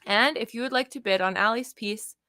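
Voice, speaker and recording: A woman's voice: fairly high pitch, fairly quick, pushed and bright, dry recording, studio quality. A woman hosting a live auction, chatting casually in an effusive, exclamatory way. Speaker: auction host.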